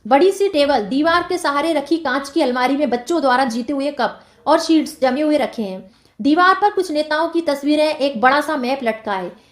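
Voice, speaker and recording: Brief: woman teacher reading a screenplay to a class, explanatory, high voice, roomy echo. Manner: explanatory, addresses students directly.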